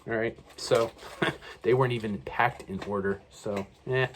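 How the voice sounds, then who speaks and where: Male toy reviewer, slightly low voice, casual and rambling, self-correcting. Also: fairly even intonation, unhurried, a little hiss or hum.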